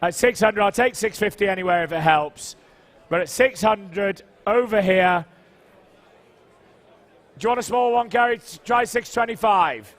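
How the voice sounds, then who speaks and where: A man's voice: high voice, unhurried, long pauses, a bit bright. A man working as an auctioneer, calling and repeating bids and coaxing bidders in a live sale.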